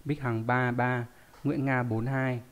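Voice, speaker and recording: A man's voice: medium pitch, little pitch movement, takes it slowly. A man teaching a live online lesson, reading out viewer names and explaining word readings with frequent rhetorical questions. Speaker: Japanese teacher.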